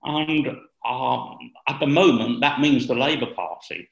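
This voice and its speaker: A man, talking politics in a deliberate, halting, earnest way. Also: mid-range voice, expressive, creaky, muffled recording. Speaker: political commentator. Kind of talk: political discussion. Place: bright room at home. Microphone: video call. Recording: roomy, echoey video call.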